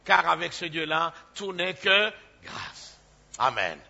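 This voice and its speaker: A man's voice: fairly high pitch, very animated, slow pace, vocal fry, pushed and bright, muffled recording. A man preaching a sermon in an emphatic way, breaking off with calls of hallelujah.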